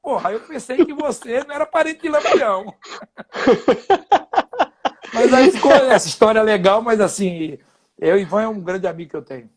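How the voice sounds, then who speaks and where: High-voiced man telling lively stories. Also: normal speed, breathy edge. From Brazil. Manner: animated anecdote telling with laughs and quoted dialogue. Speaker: guest, former footballer. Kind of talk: casual interview storytelling.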